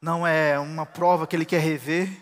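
Male pastor, high voice, sermon in a reverberant hall. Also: flat delivery, brisk, faint music behind. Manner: preaching with rising shouts of praise.

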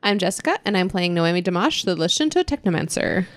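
A woman's voice: lowish voice, big pitch swings, fast, dry recording, studio quality. A woman chatting casually as a player on a tabletop role-playing podcast. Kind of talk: casual tabletop game chat.

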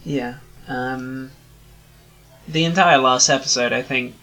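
A man in his twenties, a podcast co-host in casual chat, rambling with many pauses and restarts. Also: mid-range voice, steady tone, pushed and bright, poor audio.

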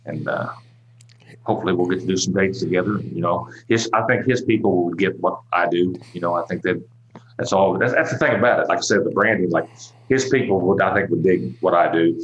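A very low-voiced man with a drawl talks about his career in an unhurried, rambling way, full of fillers. The recording sounds a little muffled and dull. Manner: rambling, relaxed, many fillers and restarts. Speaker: country singer-songwriter, guest. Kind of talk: casual interview talk.

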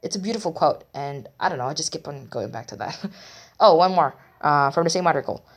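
A woman's voice: deep voice, animated, a little fast, breathy edge. A young woman hosting a solo podcast, talking in a candid, rambling, self-mocking way. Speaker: podcast host.

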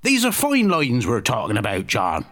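A farmer down on the farm, folksy and cheerful, bit dim, lively up-and-down voice, radio comedy. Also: male voice, medium pitch, moderate pace, soft background music. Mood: folksy, proud. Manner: folksy rustic farm talk.

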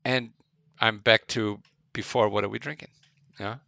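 A man on a casual fan podcast, excitable and swearing freely. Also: on the low side, normal speed, gravelly.

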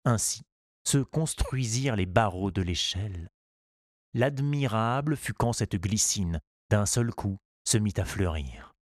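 A man reading a children's storybook aloud in a calm, measured and gently expressive way. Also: on the low side, dry recording, studio quality. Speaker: audiobook narrator. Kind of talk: scripted storybook narration.

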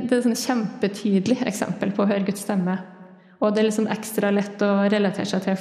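A woman giving a sermon in church, speaking in a thoughtful, plain way with many small pauses and fillers. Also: medium pitch, a little mellow, roomy sound, long reverb tail. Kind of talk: sermon on prayer.

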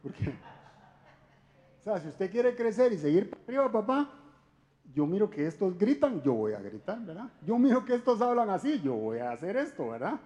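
A man's voice: sits high, sing-song, normal speed, warm tone. A man giving a conversational sermon talk, speaking directly to his listeners with frequent rhetorical questions. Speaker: church speaker.

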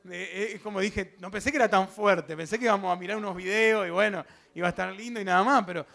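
A man's voice: high voice, fast talker, vocal fry, pushed and bright. A young man with a Rioplatense accent giving a sermon testimony, telling his story vividly with sound effects and acted quotes, and speaking directly to the congregation. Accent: Rioplatense Spanish. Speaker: preacher.

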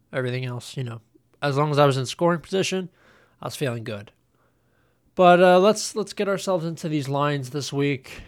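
Stuffed up with a cold, a young podcast host with a medium-pitched, nasal voice chats alone in a casual, loosely rambling way. He fills his speech with ums and uhs, and the recording has no room sound.

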